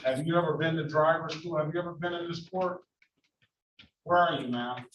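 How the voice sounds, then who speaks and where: A man presiding as judge over a virtual court hearing, halting and repeating himself as he fires off blunt questions. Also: fairly high pitch, a bit bright. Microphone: video call. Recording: echoey, distant, dull, noisy.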